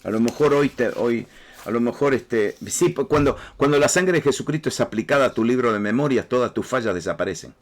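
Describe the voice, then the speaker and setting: Here a pastor preaches with a Rioplatense Spanish accent, talking to his listeners directly in a conversational manner and repeating words often. His mid-range voice has lively intonation and a slightly fast pace.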